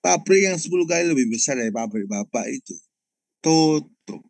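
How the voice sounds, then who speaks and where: A man's voice: on the high side, moderate pace, creaky, dry recording, voice pushed up. A male pastor voicing an eager male supplier's driver calling him on the phone, in a raised voice. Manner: excited, eager phone talk.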